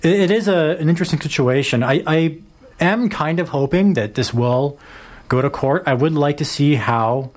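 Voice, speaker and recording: A man's voice: on the high side, normal speed, a little mellow. A man hosting a casual talk radio discussion, rambling with lots of fillers. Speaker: radio talk show host.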